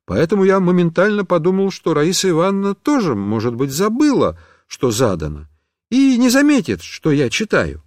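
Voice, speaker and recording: A man reading a comic children's story aloud in the first person, with expressive delivery. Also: high-pitched, normal speed, no room sound, clean studio sound.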